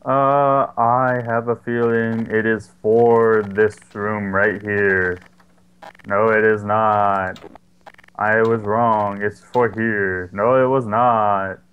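Speaking slowly in a fairly low, level voice that's clear and resonant, a young gaming host riffs over co-op horror play. Phone-quality audio picks up his frequent swearing and sarcastic, joking banter.

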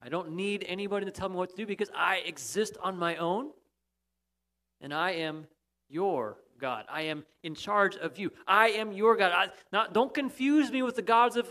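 A man's voice: high voice, moderate pace, sharp tone. A male preacher voicing God as a commanding figure who declares his authority insistently. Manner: emphatic, insistent.

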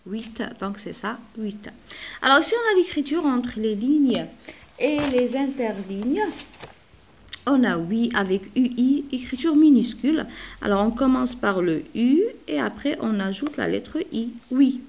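A woman's voice: fairly high pitch, expressive, unhurried, gravelly. A woman teaching a primary school lesson, patiently spelling out letters and repeating words. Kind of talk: recorded classroom lesson.

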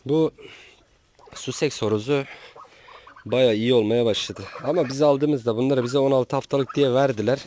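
A man's voice: mid-range voice, normal speed, long pauses, a little mellow. A man chatting casually on his farm vlog, talking to his chickens and geese, scolding and coaxing them as he films. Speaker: small-farm vlogger. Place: outdoors at a small backyard farm. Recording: outdoor farm with audible poultry noise. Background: chickens and roosters clucking.

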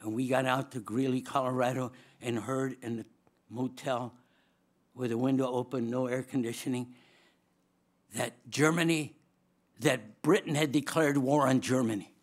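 This chapel speaker, once a dean, is an older man with a Swedish accent whose voice sits at medium pitch and moves at a moderate pace. Standing at a lectern microphone in a large auditorium, he tells his story as a sermon. He's animated and funny, laughing often and gesturing widely.

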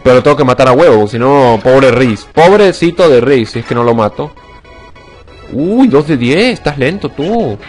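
Excitable young man gaming. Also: mid-range voice, moderate pace, faint music behind. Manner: excitable, swears a lot, sudden shouts at misses. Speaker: gaming channel host. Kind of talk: casual let's play commentary.

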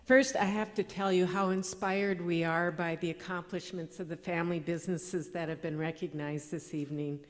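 A middle-aged woman, giving a measured, earnest award acceptance speech at a podium microphone in a large banquet hall. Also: on the low side, fairly even intonation. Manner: measured, earnest, read from notes. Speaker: award recipient. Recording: long hall reverb.

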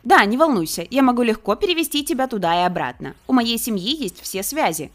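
A woman's voice: on the high side, expressive, fairly quick, fairly bright tone. A woman voicing a rich, cold young man who blackmails a girl, speaking in a curt, commanding way.

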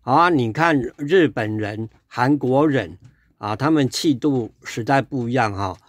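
A man with a Taiwanese Mandarin accent delivers a heated, sarcastic political rant, leaning on drawn-out fillers and repeated phrases. His mid-pitched voice sits close and dry, with little room sound around it. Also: animated, dry recording. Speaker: political commentator. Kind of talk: casual political rant vlog.

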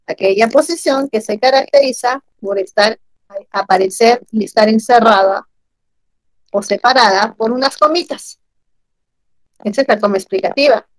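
A woman teaching grammar in an online class, animated and asking her students questions often. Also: on the high side, moderate pace, dry recording, rough recording.

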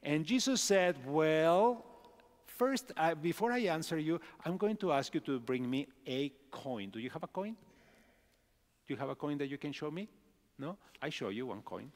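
A man's voice: a little high, expressive, normal speed. A middle-aged male pastor giving a children's message, asking the children simple questions. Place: large church sanctuary. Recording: long hall reverb.

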